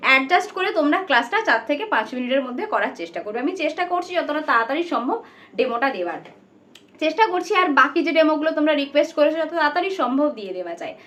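A woman teaches a demo lesson to imagined pupils. Her voice sits high and swings widely in pitch. She asks questions, answers them herself and slips English words into her teaching. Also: lively intonation, racing, fairly bright tone. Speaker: teacher giving a demo class.

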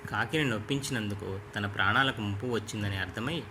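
A man narrating a children's story in a clear, measured storytelling manner. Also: lowish voice. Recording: noisy with insect and bird ambience.

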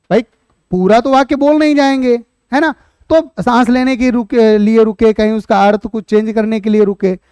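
A man's voice: very high voice, a little mellow, smooth, dry recording, studio quality. A man teaching an online exam-prep Hindi class, explaining points and asking students questions, with chatty asides. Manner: explains then repeats questions back to students; chatty asides addressing viewers as "beta".

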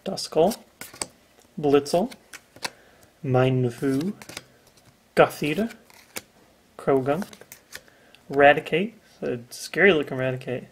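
A young man reading out card names in a drawling, deadpan way with wry jokes during a casual chat. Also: on the high side, slow, long pauses, a little hiss or hum. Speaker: guest co-host.

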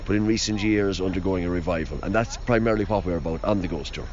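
A man's voice: deep voice, quick pace, a little mellow. An Irish man, a storyteller and tour guide, talking in a lilting storyteller's way in an interview outdoors. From Ireland. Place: outdoors in a parking lot. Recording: muffled field recording, noisy outdoor traffic.

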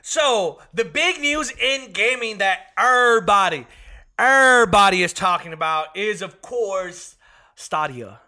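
A man co-hosting a casual podcast, excitable, laughing often and steering the chat back on track. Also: high voice, a little slow. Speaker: podcast co-host.

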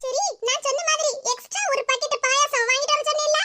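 A woman voicing a squeaky scheming cartoon neighbor. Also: fairly even intonation, fast talker, pushed and bright, dry recording. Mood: gushing. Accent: Tirunelveli Tamil. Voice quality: high and squeaky. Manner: coaxing, sugary, then plotting. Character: scheming sweet-talking woman neighbor, meddling. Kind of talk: cartoon voice acting.

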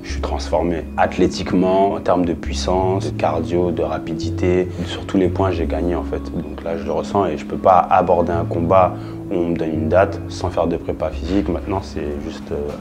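Deep, flat-voiced male fighter. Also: normal speed. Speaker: professional MMA fighter. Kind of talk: sit-down documentary interview. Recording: music bed under the voice.

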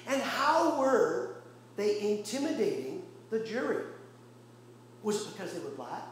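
A male pastor preaching a sermon with impassioned rhetorical questions and pauses, recorded in a church. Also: high voice, very animated. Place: church sanctuary. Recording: very echoey church room, faint hum.

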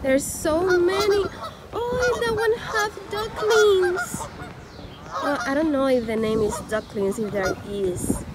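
A woman's voice: very high voice, expressive, slow pace, very noisy. A woman chatting casually as she films her hotel room and her dogs by a lake, talking playfully with little laughs into a handheld phone. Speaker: vlogger. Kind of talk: casual vlog narration.

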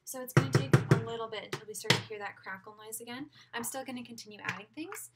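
Moving about a small home kitchen, a young cooking instructor runs a lively, informal demonstration. She speaks fast in a voice on the high side. The audio comes from a laptop webcam some distance away, with loud cooking sounds and clicks.

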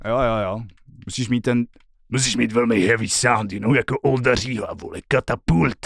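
A man's voice: medium pitch, steady tone, gravelly. A male streamer at home, chatting casually and joking with a lot of swearing while he works out a song. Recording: loud guitar music behind the voice.

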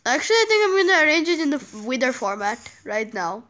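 Young woman, high voice, excitable, casual game commentary, chatty. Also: fast talker. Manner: excitable, chatty, frequent exclamations. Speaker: gamer.

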